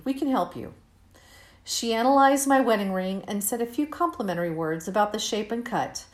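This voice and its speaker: A woman in her fifties reads her own personal essay aloud in a medium-pitched voice, telling her story in a candid, steady, measured way.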